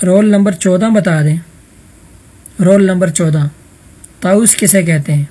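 Husky, mellow-voiced male teacher. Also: high-pitched. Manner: patient, calls on students by roll number. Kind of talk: online Arabic vocabulary lesson.

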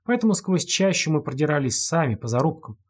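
A man reading an audiobook, voicing a calm, vengeful young killer who talks in a detached, mocking way. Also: fairly high pitch, brisk, breathy edge. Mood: cold menace. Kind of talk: audiobook character voice.

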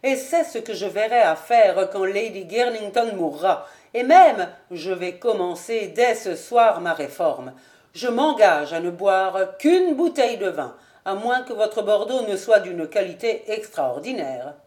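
Woman playing a jovial young nobleman, loud, blunt, slow delivery. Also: mid-range voice, animated, lightly acted. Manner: loud, blustering.

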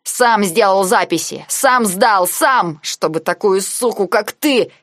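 A woman voicing a weakened, bitter young man in an audiobook, his voice hoarse and strained. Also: fairly low pitch, sing-song, slow pace, no room sound, studio quality, exaggerated voice. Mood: feverish shouting. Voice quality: hoarse whisper turning to rasping shouts.

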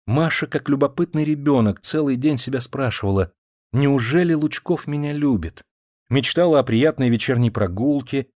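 A man reading a classic novel aloud in a measured, expressive storytelling voice. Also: medium pitch, dry recording, clean studio sound. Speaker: audiobook narrator. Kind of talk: scripted literary narration.

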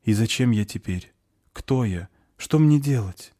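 A man's voice: mid-range voice, animated, unhurried, mellow, dry recording, clean studio sound, voice pushed up, close to an everyday voice. A man voicing a frail, devoted old male goblin servant who sounds distraught and pleading in an audiobook.

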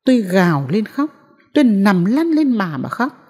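A woman reads a novel aloud in the first person, measured and mournful. Her voice sits at a middle pitch. A long hall reverb lingers behind each sentence. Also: big pitch swings, darkish tone, husky. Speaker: audiobook reader.

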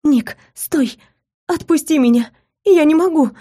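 A woman voicing a young heroine who cries out high, in pleas and protests. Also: normal speed, warm tone, close to an everyday voice. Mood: pleading. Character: young woman heroine, pleading then indignant.

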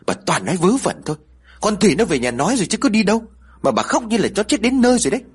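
A man voicing an irritable older village husband who scolds quickly and sharply. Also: high voice, big pitch swings, breathy edge, voice pushed up, exaggerated voice. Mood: scolding.

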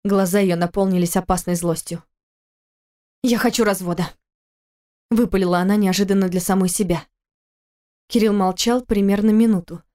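Brief: female audiobook narrator, calm, measured, mid-pitched.

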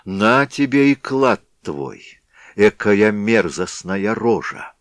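A grumbling old village grandfather , voiced by a man reading a storybook, who mutters and exclaims to himself. His voice leaps about in pitch and sits fairly low. The sound is dry and close. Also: animated, takes it slowly, no room sound. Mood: disgusted.

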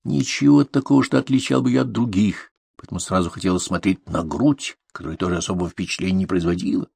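A man's voice: sits low, fast, gravelly, a little mellow, breathy edge, no echo. A man narrating a confessional story in an intimate way, speaking to his son. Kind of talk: audiobook reading of a confessional novel.

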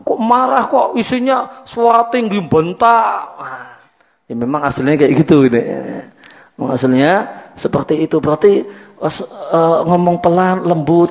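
A man's voice: sits high, creaky. A man giving a religious study lecture in a chatty, repetitive way. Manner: conversational, repetitive, drops in Javanese words. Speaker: Islamic teacher. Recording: dull lo-fi lecture recording.

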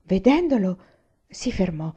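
Woman reading a novel aloud, mellow. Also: mid-range voice, breathy edge. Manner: steady, measured reading. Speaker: reader. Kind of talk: audiobook narration. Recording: slightly muffled lo-fi recording.

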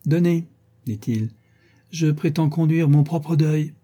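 A man reading an audiobook, voicing a proud, stubborn young gentleman who argues insistently. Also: on the high side, slow pace, voice pushed up. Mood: indignant. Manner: insistent, indignant.

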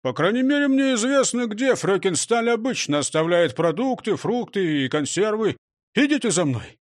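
A man's voice: high voice, lively intonation, normal speed, no echo, clean studio sound, voice pushed up. A man voicing a simple-minded, food-loving male robber who talks in an eager, childlike way.

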